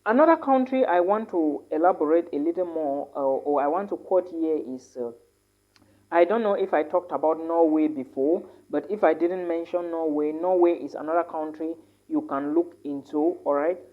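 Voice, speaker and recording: A woman with a very low voice gives casual advice on studying abroad, tossing in "all right?" and fixing her words mid-sentence. She sounds a bit tired. The recording is dull and lo-fi. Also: moderate pace. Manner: tag questions like "all right?", many fillers and self-corrections. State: tired, yawning a lot. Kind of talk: casual advice talk to camera.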